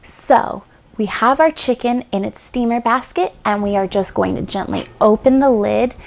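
A woman in her twenties hosts a home cooking demonstration in a small kitchen, chatty and upbeat with playful asides, recorded on a lapel mic. Her voice is a little high and creaky, at a moderate pace.

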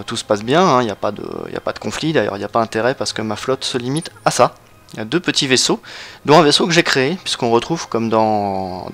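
A man's voice: mid-range voice, fairly bright tone. A man losing his voice, giving casual, hesitant commentary while showing a strategy game, with many fillers and restarts. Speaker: let's play host.

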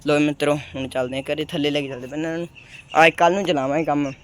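A man's voice: fairly high pitch, flat delivery, fast, a bit bright. A man with a Punjabi accent chatting casually to viewers and calling out to his companions in a colloquial vlog style. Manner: colloquial, calls out to companions and addresses viewers as friends. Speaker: pigeon-keeping vlogger. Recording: noisy handheld recording with clicks.

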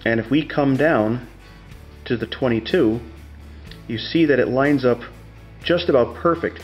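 A man's voice: mid-range voice, a little slow, dull audio, faint music behind. A middle-aged man explaining step by step like a plain-spoken machinist, in a casual hands-on tutorial. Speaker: tutorial host demonstrating measuring tools.

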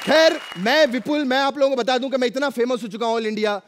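A man's voice: very high voice, fast talker. A male stand-up comedian roasting the judges and guests on a TV comedy stage, cheeky and teasing, building each line toward a punchline. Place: TV comedy stage with live audience. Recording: live stage, crowd and noise.

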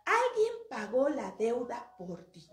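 A woman voicing a kind older male shopkeeper who speaks gently and in a hush. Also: a little high, wildly swooping pitch, slow, heavily acted. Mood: confiding. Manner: gentle, hushed, confiding. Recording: roomy with faint music.

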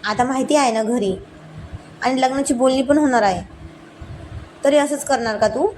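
A woman's voice: high voice, moderate pace, darkish tone, slight background noise, voice pushed up, close to an everyday voice, low-quality recording. A woman voicing a playful young man in love, coaxing and teasing his girlfriend.

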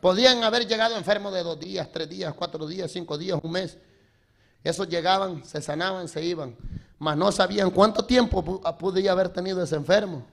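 High, gravelly fervent preacher man. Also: a little fast. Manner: fervent, repeats refrains, rising to shouts. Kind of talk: Pentecostal sermon. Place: church service.

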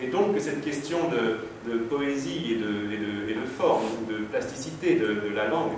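A man's voice: medium pitch, normal speed, darkish tone, a little hiss or hum. A man giving a lecture-performance, speaking hesitantly with many fillers and restarts. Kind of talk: lecture-performance with sound poetry readings. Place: exhibition hall at a foundation. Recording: very echoey hall, distant mic.

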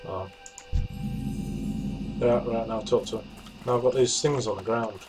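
A man's voice: medium pitch, steady tone, a little slow, over music. Man muttering while gaming. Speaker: streamer. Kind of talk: casual chat while gaming.

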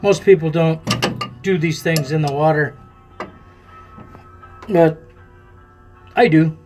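Down in a boat's bilge, a man with a slightly high voice works slowly through a repair with his hands while music plays. He's the boat's owner, casually narrating the how-to and thinking aloud in relaxed, plain, folksy language.

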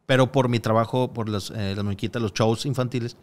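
Smooth-voiced man telling stories. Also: mid-range voice, steady tone, brisk. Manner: rambling storyteller, frequent hesitations and acted-out quotes. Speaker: podcast guest. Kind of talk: casual podcast conversation.

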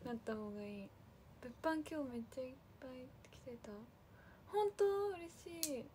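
A woman chatting on a livestream to her fans, casually thanking viewers one by one in a soft, friendly way. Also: a little high, fast talker, slight background noise. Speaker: idol livestream host.

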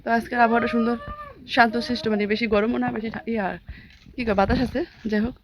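A young woman vlogging casually from her rural home, a little hoarse, chatting quickly and cooing at a small child. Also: fairly high pitch, level tone, background noise. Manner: rapid chatty talk, coos loudly at a small child. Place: rural home, indoors and yard.

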